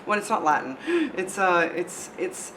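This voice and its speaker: A woman's voice: lowish voice, unhurried, rough recording. Chatty native-Spanish woman host, faint background noise. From North America. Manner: chatty, addresses listeners, expressive anecdotes. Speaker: radio show host. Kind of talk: casual chatty interview. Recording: light background room noise.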